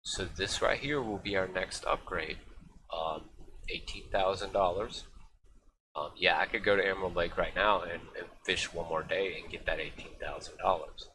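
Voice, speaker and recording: Male game streamer, very low voice, loose filler-heavy chatter, noisy background. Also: moderate pace. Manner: rambling, filler-heavy, thinking aloud. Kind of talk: casual live-stream gameplay commentary. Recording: steady background noise.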